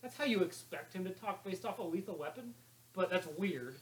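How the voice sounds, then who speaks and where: A man in easygoing conversation about a film he liked, voice pitched a little high. He talks in eager runs, swearing freely as he goes. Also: expressive, brisk, low-quality recording. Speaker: podcast co-host. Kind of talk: casual movie discussion.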